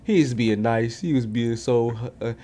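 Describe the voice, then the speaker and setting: A man's voice: mid-range voice, normal speed, dark tone. A man co-hosting a casual podcast, teasing and joking with his friend. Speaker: podcast co-host. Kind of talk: casual chat.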